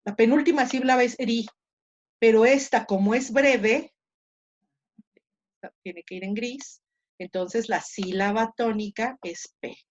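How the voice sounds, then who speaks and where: Female Latin teacher, slow and deliberate, sounds out syllables; muffled lo-fi class audio. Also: a little high. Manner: corrects herself aloud while marking slides. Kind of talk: online class lesson.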